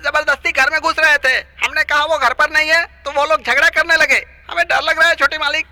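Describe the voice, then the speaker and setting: A man's voice: very high-pitched, little pitch movement, brisk, sharp tone, a little hiss or hum, full character voice. A man dubbing a timid, nervous house servant in a Hindi film, talking in a fretful, pleading way. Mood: fearful. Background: film score.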